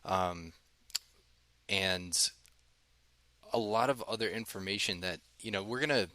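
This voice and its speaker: A man's voice: sits low, measured pace, sharp tone, dry recording. A man hosting a podcast, talking casually and loosely with many filler words. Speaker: podcast host. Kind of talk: casual chat.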